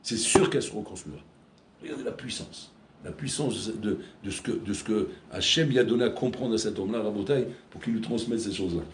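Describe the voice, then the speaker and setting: A man's voice: on the low side, a little fast, roomy sound, a little hiss or hum. A man giving a sermon as a rabbi, telling stories and often repeating words as he searches for the next one. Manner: storytelling, repeats words while searching, keeps addressing listeners.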